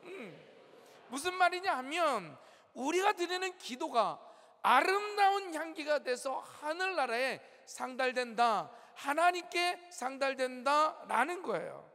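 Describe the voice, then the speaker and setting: Male pastor, very high gravelly voice, conversational preaching in a reverberant church hall. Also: very animated, measured pace. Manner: conversational preaching with humor, rising to shouted exhortation. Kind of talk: sermon.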